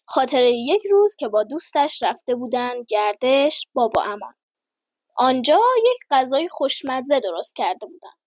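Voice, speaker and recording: A high-voiced woman reads a humorous first-person story aloud. She tells it lively and slows down for the punchlines. The recording is dry and close. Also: no echo.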